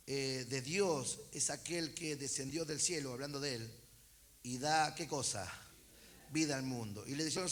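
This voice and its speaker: A man's voice: a little high, a bit bright. A man with a Rioplatense Argentine accent preaching a sermon, reading scripture aloud and calling out to his congregation with chatty asides. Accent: Rioplatense Argentine Spanish. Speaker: pastor. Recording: church service.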